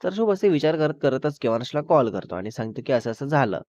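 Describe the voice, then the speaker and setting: A man's voice: medium pitch, very animated, fairly quick, a little mellow, no echo. Chatty male storyteller, muffled dry sound. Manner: chatty, with dramatic asides. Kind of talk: casual story narration. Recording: dull, dry recording.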